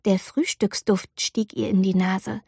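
A woman reading a storybook aloud in an expressive, animated way. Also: medium pitch, measured pace, vocal fry, slightly rough, no echo, studio quality. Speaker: narrator.

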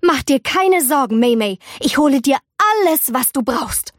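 A woman's voice: high-pitched, expressive, normal speed, no echo, studio quality, pitched above the performer's own voice. Woman playing a fussing, anxious mother. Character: fussing, worried mother, middle-aged.

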